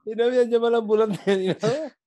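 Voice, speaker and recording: A man's voice: very high-pitched, fairly even intonation, racing, dark tone. A young man from Spain with a Spanish accent, reacting to a friend's story with short interjections in casual chat. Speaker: listening friend.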